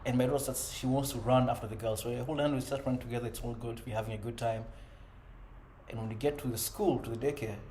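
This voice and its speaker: A man's voice: mid-range voice, fairly even intonation, fast, darkish tone. A man in his thirties, a father, speaking earnestly in a conversational self-improvement monologue, often adding "you know" and "right?". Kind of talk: reflective personal monologue. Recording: echoey room with faint ambient noise.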